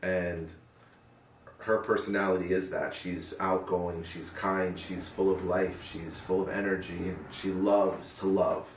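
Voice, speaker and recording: Low-voiced young guy in an interview, thoughtful and earnest, kinda far from the mic, echoey room. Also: flat delivery, a little slow, slight background noise. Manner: earnest, reflective, searching for words. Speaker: interviewee, paramedic. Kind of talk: sit-down interview. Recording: roomy sound from a distant mic.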